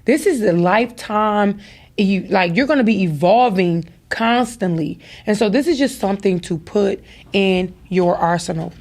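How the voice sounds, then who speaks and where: A mother of daughters hosts a podcast and delivers a motivational talk directly to listeners, preacher-like, with emphatic repeated phrases. Her medium-pitched voice is a little mellow and measured in pace.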